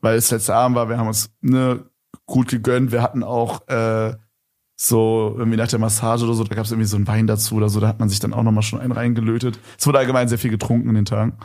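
A man's voice: lowish voice, level tone, fast, a little mellow. A young man and podcast host telling a story in a rambling, casual way, full of fillers and slang.

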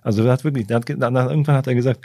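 A man's voice: medium pitch, steady tone, very fast, darkish tone, no room sound. A man, a retired goalkeeper, telling stories from his career as a guest in a casual studio interview, rambling with many fillers and restarts. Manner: retells conversations in direct quotes. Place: podcast recording studio.

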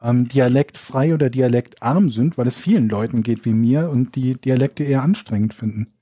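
A man's voice: medium pitch, normal speed, mellow, slightly rough, dry recording. A man co-hosting a podcast in casual chat, opinionated, sometimes stumbling over words. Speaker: podcast co-host.

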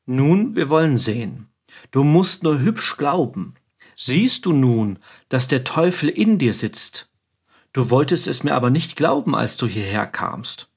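A man's voice: mid-range voice, very animated, a little slow, vocal fry, slightly rough, heavily acted. A man voicing a stern priest exorcist who commands and scolds a demon in a preaching tone. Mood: coaxing.

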